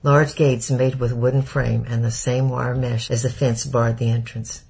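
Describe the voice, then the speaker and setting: Guy reading an audiobook, raspy and kinda gravelly, calm even delivery. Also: medium pitch, normal speed. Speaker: audiobook narrator. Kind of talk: scripted first-person narration.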